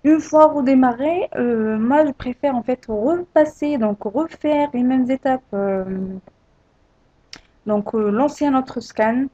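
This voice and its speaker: A woman narrating a screen-recorded software tutorial, hesitant and full of fillers and restarts. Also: high-pitched, slow, no room sound. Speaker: tutorial presenter. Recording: dull lo-fi home recording.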